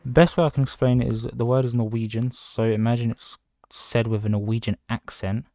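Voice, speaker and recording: A man's voice: medium pitch, fairly even intonation, a little fast, warm tone, no echo, clean studio sound, soft background music. A man casually chatting on a livestream from home, rambling between topics and greeting viewers by name. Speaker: livestreaming gamer.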